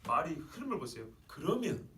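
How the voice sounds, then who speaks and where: A man's voice: fairly high pitch, big pitch swings, fairly quick, a bit bright. A man preaching a sermon as pastor, emphatic and often putting questions to his congregation. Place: church sanctuary. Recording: roomy church sound from a distant mic.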